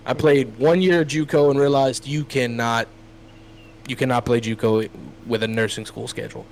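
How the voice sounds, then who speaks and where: A man's voice: medium pitch, little pitch movement, normal speed, darkish tone, a little hiss or hum, rough recording. A man appearing as a guest on a casual podcast, joking and rambling loosely. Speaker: guest streamer.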